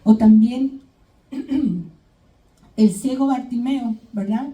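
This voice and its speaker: In an echoey church hall, recorded by a distant mic, a woman preaches to her congregation in a warm, rather high voice at an extremely slow pace. She retells Bible stories, calls listeners brothers and sisters, and often checks in with them.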